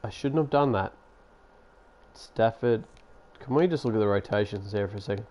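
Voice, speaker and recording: A gaming YouTuber gives chatty, sarcastic commentary while playing a basketball management game, grumbling at it along the way. His voice is lowish and a little mellow, at a moderate pace.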